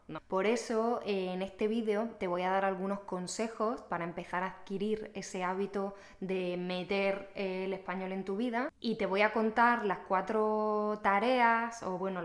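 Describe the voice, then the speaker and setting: A young woman teaching a language, talking casually to camera and explaining each point clearly and patiently to the viewer. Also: mid-range voice. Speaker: Spanish teacher.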